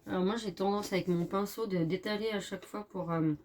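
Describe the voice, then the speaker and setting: A woman's voice: mid-range voice, steady tone, brisk, a little mellow, slight background noise. Chatty woman with many fillers. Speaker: scrapbooking crafter. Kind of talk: casual craft tutorial.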